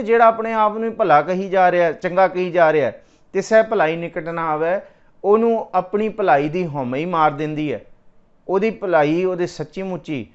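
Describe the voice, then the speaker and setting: A man's voice: a little high, muffled recording. Man chanting and preaching a sermon. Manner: slow melodic chanting of verses between plain explanation. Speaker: Sikh scripture preacher. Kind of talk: devotional sermon with sung verses.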